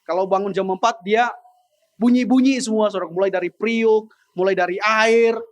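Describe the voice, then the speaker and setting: Brief: middle-aged male preacher, high voice, animated storyteller who swings from shouts to near whispers, church sermon. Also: moderate pace, muffled recording. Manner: storytelling, animated, swinging between loud outbursts and hushed asides.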